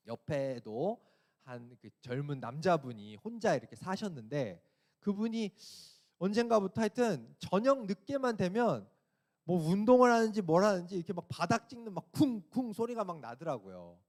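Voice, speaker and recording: A man's voice: fairly high pitch, darkish tone. A man, an assistant pastor, giving a sermon to a teen youth group, telling a personal story and asking the listeners questions.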